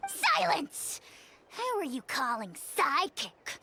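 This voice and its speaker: A woman's voice: sits high, huge pitch swings, takes it slowly, slight background noise, exaggerated voice. A woman voicing a pompous tiny male dragon lord in a video game, grandiose and imperious with cackling laughs. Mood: indignant. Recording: game audio with loud music.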